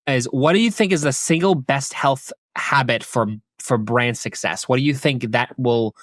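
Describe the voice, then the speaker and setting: A man hosting a podcast asks his guest a long, meandering question, restarting his phrases as he goes. His voice sits in a middle pitch and the recording is dry and close. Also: a bit bright, no echo. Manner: rambling questions, short affirmations. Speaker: podcast host. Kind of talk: casual interview talk.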